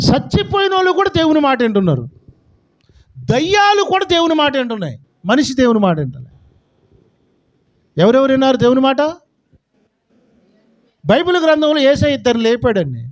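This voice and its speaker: A man's voice: extremely high pitch, dull audio. A male pastor preaching a fervent sermon, calling out to his congregation.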